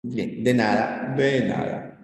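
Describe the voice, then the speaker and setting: A man's voice: medium pitch, fairly even intonation, takes it slowly. A man with a Peruvian accent teaching a grammar lesson, stressing points and checking in with the class often. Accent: Peruvian Spanish. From Peru. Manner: emphatic, checks in with frequent "¿ya?" and "¿no?". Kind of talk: pre-university grammar lesson. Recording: echoey room with long reverb.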